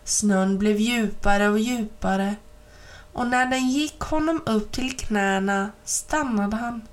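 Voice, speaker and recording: Woman narrator, audiobook of a children's story, even and clear, mid-pitched. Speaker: reader.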